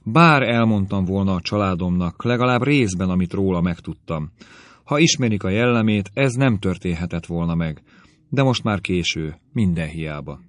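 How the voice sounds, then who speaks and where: A man's voice: low voice, no echo, close to an everyday voice. A man reading the lines of a distraught young woman in an audiobook, urgent and agitated. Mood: distressed.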